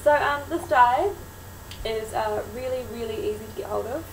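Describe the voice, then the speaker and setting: A woman's voice: a little high, normal speed. Casting: female New Zealander, broad Kiwi accent, informal how-to vlogger, recorded echoey and far from the mic with noticeable noise. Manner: frank, informal, explanatory. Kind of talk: casual how-to vlog talk. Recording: roomy, distant mic, clearly noisy.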